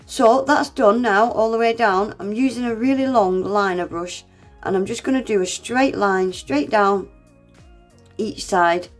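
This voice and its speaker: Soft background music accompanies a woman talking through a casual nail art tutorial step by step, her medium-pitched voice a little slow and congested from being under the weather. She chats away, jokes at her own expense, and calls viewers "guys."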